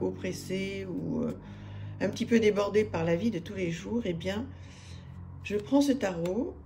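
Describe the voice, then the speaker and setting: Femme à l'français, voix mate et éraillée, parle en hésitant, léger bruit de fond. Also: female voice, medium pitch, mellow, slight background noise. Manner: hesitant, many fillers and restarts, enthusiastic. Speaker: tarot reader presenting her decks. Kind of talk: casual chat to camera. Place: home room with street noise outside.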